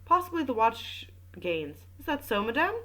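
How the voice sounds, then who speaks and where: A woman's voice: fairly high pitch, sing-song, normal speed, fairly bright tone, voice pushed up. A woman voicing a fussy, precise male Belgian detective in a casual read-aloud of a mystery novel. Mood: explaining. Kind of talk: audiobook reading with commentary.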